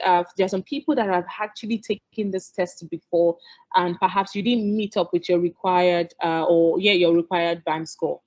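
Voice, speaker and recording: In this instructional talk, a Yoruba-speaking Nigerian tutor earnestly preps students for an exam, gently urging them on and asking "okay?" as she goes. She has a medium-pitched, slightly mellow voice on a rough recording.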